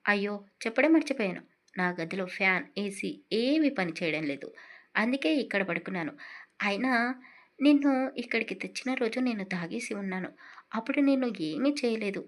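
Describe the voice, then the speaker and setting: A woman's voice: medium pitch, expressive, fairly quick, lightly acted. A woman voicing a young male hero, teasing and lazy, in an audio story.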